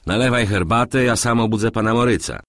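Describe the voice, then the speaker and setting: A man voicing a brisk young factory director who gives curt orders in an audiobook. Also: lowish voice, a bit bright, no echo, studio quality, voice pushed up. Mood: curt, commanding.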